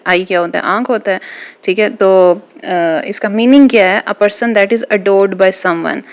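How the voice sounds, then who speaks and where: A woman teaching a school lesson, patient and repetitive, who reads example sentences out slowly and deliberately. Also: mid-range voice. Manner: patient, repetitive, keeps saying "okay". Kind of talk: exam-prep lesson explaining idioms.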